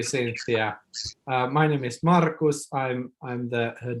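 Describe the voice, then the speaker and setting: A man's voice: mid-range voice, noisy background. A man introducing himself as a development manager in an online meeting, friendly and stumbling over his words.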